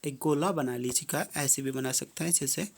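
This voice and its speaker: A teacher going through a worksheet step by step, reading each English prompt slowly and then explaining it in plain terms. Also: mid-range voice, slightly rough.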